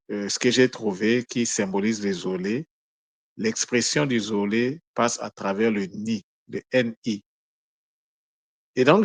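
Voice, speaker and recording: A man giving a daily spiritual teaching, explaining words slowly and carefully with frequent pauses. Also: lowish voice, slightly rough, no echo. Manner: slow, measured, explaining word by word with pauses.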